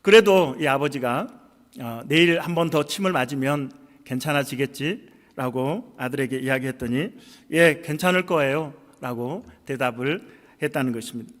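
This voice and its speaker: Middle-aged Korean male pastor, slightly high voice, storytelling sermon in a church with long reverb. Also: a bit bright. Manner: storytelling, acting out quoted dialogue with rising intensity. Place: church sanctuary.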